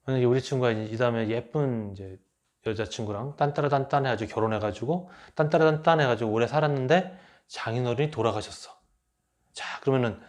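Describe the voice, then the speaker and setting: Lively male lecturer acting out examples. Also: medium pitch. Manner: lively, acts out quoted remarks. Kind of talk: enneagram lecture.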